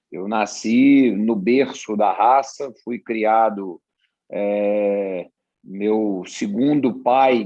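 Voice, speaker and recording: A man with a Brazilian accent, a horse auction guest, answering slowly and repeating words as he thinks. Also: fairly low pitch, a little mellow. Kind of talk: interview answer. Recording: dull, dry sound.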